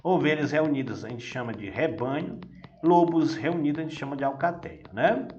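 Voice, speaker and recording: Patiently leading pupils through a grammar exercise, a male teacher keeps checking comprehension with "vai dar o quê?" and "né?". His slightly high, somewhat mellow voice moves at a moderate pace; the highs are cut off, and the echoey room has faint background noise.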